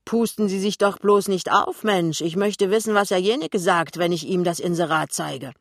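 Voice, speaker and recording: A man's voice: high-pitched, moderate pace, dry recording, studio quality, pitched above the performer's own voice. A man voicing a spiteful male shop clerk who mocks and provokes a colleague. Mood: needling. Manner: mocking, provoking.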